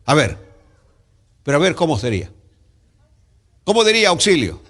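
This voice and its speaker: A pastor with a Salvadoran accent preaching in church, dramatic, acting out scenes and shouting cries. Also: male voice, a little high, wildly swooping pitch, normal speed, slightly rough. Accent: Salvadoran Spanish. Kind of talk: sermon. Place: church sanctuary.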